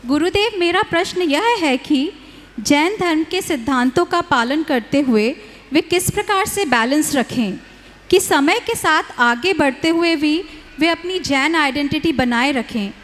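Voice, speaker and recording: A high-voiced woman, a questioner at a gathering, poses a formal prepared question with reverent phrasing. Her voice carries long reverb in the hall. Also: lively intonation, unhurried, fairly bright tone. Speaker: audience questioner, scientist.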